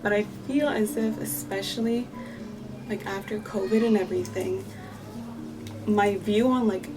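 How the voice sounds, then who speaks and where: A woman's voice: medium pitch, fairly even intonation, unhurried, recorded from a distance, music in the background, low-quality recording. A woman in her twenties chatting reflectively as she does her makeup by a pool, with lots of "like" fillers. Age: 20s. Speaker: vlogger. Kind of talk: casual get-ready-with-me chat. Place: outdoors by a pool on holiday.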